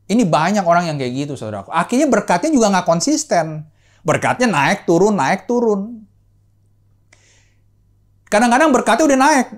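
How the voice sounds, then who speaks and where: A man serving as pastor, preaching with rising emphasis and then leading a steady prayer, often calling out to his listeners and to God. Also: fairly high pitch. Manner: animated preaching, often adding "saudaraku" and "gitu"; softer, steady prayer voice, repeating "Tuhan". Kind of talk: sermon and prayer.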